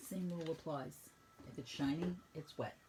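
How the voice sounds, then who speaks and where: A woman painting instructor walking students through each brush stroke in a brisk, teasing teaching manner. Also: low-pitched, over loud music, poor audio. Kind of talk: step-by-step painting lesson.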